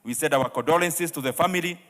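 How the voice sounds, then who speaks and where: A man with a Kenyan accent gives a formal parliamentary tribute, speaking in measured phrases with repeated honorifics. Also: a little high, a bit bright. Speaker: member of parliament. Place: large parliament chamber. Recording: echoey chamber with long reverb.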